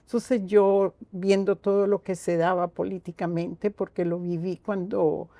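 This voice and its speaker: Older Costa Rican woman, gravelly and warm. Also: lowish voice, flat delivery, a little slow, no room sound. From Costa Rica. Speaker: guest. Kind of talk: reflective personal storytelling.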